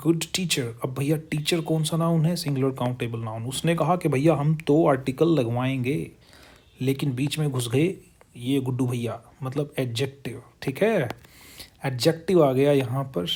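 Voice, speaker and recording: A man's voice: medium pitch, a little mellow. Playful Hindi-speaking English teacher, man. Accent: Hindi-accented English. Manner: playful, teasing, calls students "buzurgon" and "bhaiya ji"; repeats words slowly for pronunciation drill. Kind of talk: online grammar lesson.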